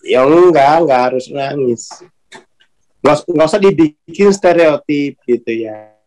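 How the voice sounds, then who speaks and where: A relaxed, chatty speaker talks about matters of the soul in an easygoing way. Short laughs keep breaking into the talk. The phrasing is colloquial, with many little tag words at the ends of sentences. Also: mid-range voice, measured pace, low-quality recording. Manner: chatty and informal, often laughing between points. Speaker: speaker on a spiritual talk channel. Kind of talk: casual spiritual talk.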